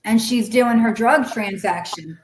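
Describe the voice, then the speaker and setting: In a slightly high voice at a measured pace, a middle-aged guest tells her personal story with blunt candor and plenty of swearing, playing out old exchanges in quoted voices. There's slight background noise, and the room gives a spacious echo.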